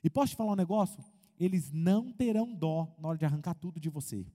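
A Brazilian man preaching as a pastor, animated, asking the crowd questions and acting out quotes. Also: a little high, fast. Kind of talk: lively sermon with humor. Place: church hall. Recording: long hall reverb.

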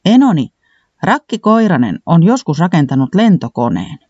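A man voicing an eager, excitable storybook builder creature who talks in bubbly exclamations. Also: a little high, slightly rough, no room sound, highs cut off, voice pushed up, exaggerated voice. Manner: bubbly, exclaiming, bursting with ideas.

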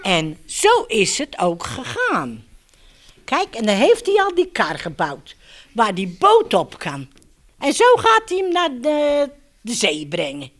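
A woman reads a picture book aloud to young children and keeps turning to them with questions. Her voice is a touch high and swoops all over the place. She talks at an unhurried pace. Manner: animated, addresses children directly. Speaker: children's story reader.

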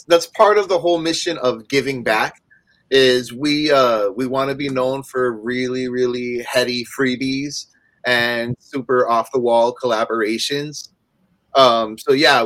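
A man's voice: mid-range voice, fairly bright tone, no room sound, rough recording. A man from the Pacific Northwest and Hawaii, a company founder chatting casually as a guest, laid-back and rambling with many fillers. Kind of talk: casual podcast interview.

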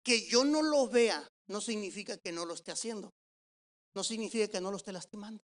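A man preaching as a pastor, animated, asking the congregation questions and swinging from soft to loud. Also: sits high, fairly quick. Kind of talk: sermon with practical advice.

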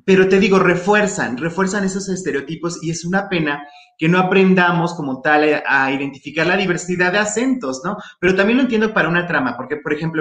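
A man's voice: a little high, a bit bright. A man with a Mexican accent, a guest in a casual chat, opinionated and critical, using local slang. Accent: Mexican Spanish. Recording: echoey room.

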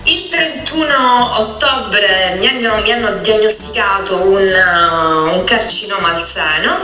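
A woman's voice: mid-range voice, unhurried, bright, forceful tone, echoey room, soft background music, low-quality recording. A woman with a Sicilian accent telling her personal story as a radio interview guest, candidly and with hesitant phrasing. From Sicily, Italy.

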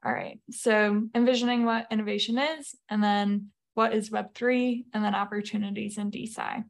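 Measured woman with a gravelly edge. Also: mid-range voice, fairly even intonation. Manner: measured, explanatory, with frequent fillers. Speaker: podcast guest. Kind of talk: presenting slides in a remote interview.

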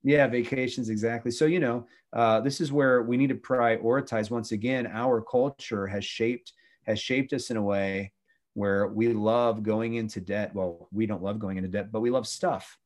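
Earnest preachy man, lowish voice. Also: steady tone, moderate pace, darkish tone. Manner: earnest, preachy, many restarts and fillers. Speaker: former youth pastor, guest.

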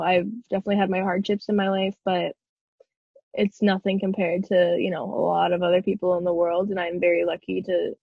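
Husky young woman on a low-quality video call. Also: no echo. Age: young adult. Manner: hesitant, frequent filler pauses. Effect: low-quality video-call audio. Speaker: guest. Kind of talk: casual interview conversation. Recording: dull, dry video-call audio.

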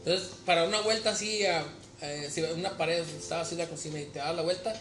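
Fast-talking slangy Mexican man. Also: on the high side, a bit bright, reverberant, soft background music. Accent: Mexican Spanish. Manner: fast, slangy, repeats words. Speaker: cook and podcast co-host. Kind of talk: casual chat.

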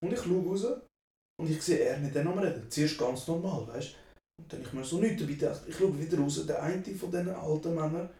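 Mellow young Swiss German man, off-mic. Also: fairly high pitch, a little fast. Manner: slangy, peppered with tag questions. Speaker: podcast co-host. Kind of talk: casual chat, storytelling. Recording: echoey room, distant from mic.

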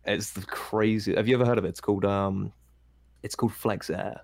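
A man's voice: fairly low pitch, fairly even intonation, brisk, creaky, darkish tone, no echo. A man, telling stories as a podcast guest with lots of eager restarts. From England. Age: 20s. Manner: eager storytelling with many restarts. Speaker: guest streamer. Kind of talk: casual podcast chat.

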